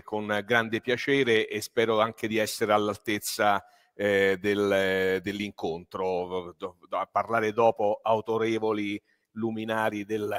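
A middle-aged man giving a presentation over a video call with a headset, speaking haltingly with many fillers. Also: on the low side, in a large hall. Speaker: trade association vice director.

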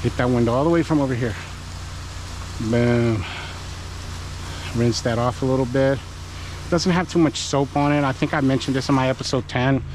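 A man's voice: mid-range voice, steady tone, moderate pace, long pauses, a little mellow. A man hosting a work vlog, chatting and coaching viewers while he washes a house outdoors. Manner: chatty, encouraging, talks to viewers while working. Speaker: pressure washing business owner and channel host. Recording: noisy outdoor recording.

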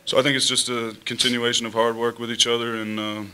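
Young man, college quarterback, post-game press conference, relaxed, bright tone. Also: medium pitch, quick pace. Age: young adult. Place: press room in front of a team backdrop. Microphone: table mic on a stand.

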